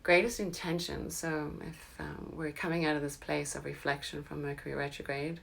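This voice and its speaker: Low gravelly woman guiding a meditation. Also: level tone. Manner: slow and soothing, drifting into soft whispers. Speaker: meditation guide. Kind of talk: guided meditation.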